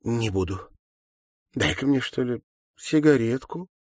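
A man reading an audiobook, voicing an excitable, breathless slight woman who sobs and cries out. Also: mid-range voice, a little slow, no echo, studio quality, pitched above the performer's own voice. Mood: sober. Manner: eager, sobbing and crying out.

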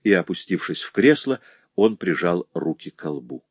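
A male audiobook narrator with a very low, deep voice, reading in a measured, expressive way. The recording is close and dry. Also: breathy edge, dry recording. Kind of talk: scripted narration.

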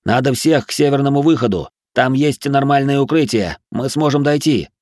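A man's voice: mid-range voice, moderate pace, a little mellow, no room sound, pitched above the performer's own voice, natural voice. A man playing an urgent determined hero. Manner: urgent, insistent.

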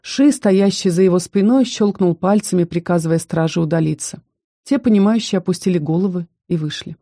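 An audiobook narrator reading a fantasy novel in an even, measured way. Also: medium pitch, no room sound, clean studio sound. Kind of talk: scripted narration.

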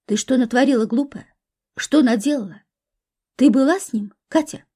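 A woman's voice: high-pitched, moderate pace, darkish tone, breathy edge. A woman voicing a caring, protective young woman in a storybook reading, speaking earnestly. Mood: concerned.

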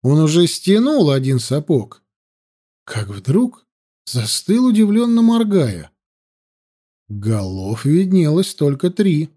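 A man reading a story aloud as an audiobook narrator, with expressive storytelling. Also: a little high, takes it slowly, long pauses. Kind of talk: scripted narration.

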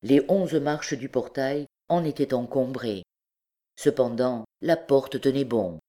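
A woman reading a classic novel aloud, in steady, measured narration. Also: extremely low pitch. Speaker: audiobook reader.

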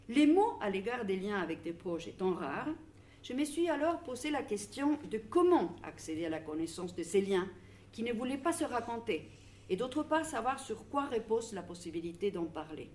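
A woman's voice: mid-range voice, darkish tone, a little hiss or hum. Argentine woman reading a conference talk. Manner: measured, reads from notes with small restarts. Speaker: researcher presenting at a public debate.

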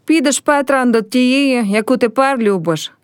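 A woman's voice: high voice, unhurried, clean tone, no echo, clean studio sound, pitched above the performer's own voice. A woman reading a play aloud and voicing a young village girl who is heartbroken and proud, speaking in a pleading, reproachful way.

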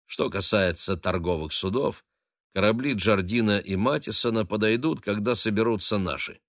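A man voicing a confident merchant in an audiobook, speaking smoothly and with authority. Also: lowish voice, moderate pace, a bit bright, no echo, clean studio sound. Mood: commanding.

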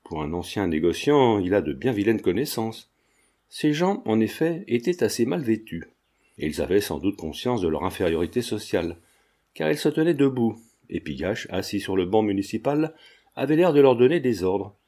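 A man reading a novel aloud as an audiobook narrator, in measured scripted narration. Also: lowish voice, big pitch swings, warm tone. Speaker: audiobook reader.

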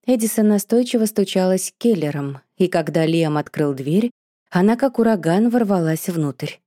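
A woman narrating a novel as an audiobook in a calm, even storytelling voice. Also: lowish voice, moderate pace, dry recording, studio quality.

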